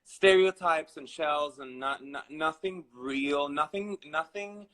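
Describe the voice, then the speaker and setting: A man's voice: on the high side, slow, bright, forceful tone. A man in his thirties from Venezuela, telling his personal story with many restarts and fillers. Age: 30s. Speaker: guest.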